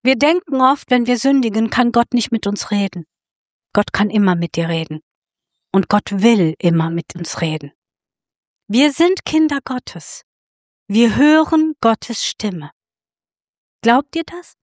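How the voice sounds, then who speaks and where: Woman preacher, higher voice, story-driven sermon, dry recording. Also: a little slow, long pauses, no echo. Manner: storytelling, appealing directly to listeners.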